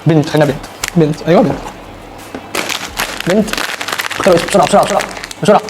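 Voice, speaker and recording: A man with an Egyptian Arabic accent hosting a casual snack unboxing challenge, excitable and repeating words in quick bursts. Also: fairly high pitch, music in the background, a crowd in the background. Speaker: food challenge vlogger. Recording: wrapper crinkling and clicks behind.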